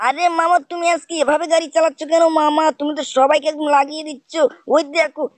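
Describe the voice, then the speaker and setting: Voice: high-pitched, level tone, fast talker, no echo, natural voice. A gamer voicing a whiny little cartoon boy nephew who pleads with his uncle in every sentence. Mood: eager. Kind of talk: cartoon voice over gameplay.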